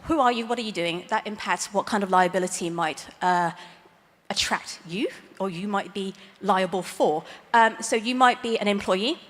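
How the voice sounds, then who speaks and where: On a large conference hall stage, a woman lawyer gives a talk explaining legal ideas plainly, with light, self-aware humor. She speaks at medium pitch and normal speed, and the big hall adds long reverb.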